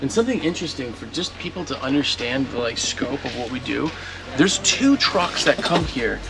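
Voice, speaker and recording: A man in his thirties talking casually and relaxed about the business while walking through a large warehouse. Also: mid-range voice, normal speed, gravelly. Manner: relaxed, conversational. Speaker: co-host, company employee. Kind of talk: casual chat.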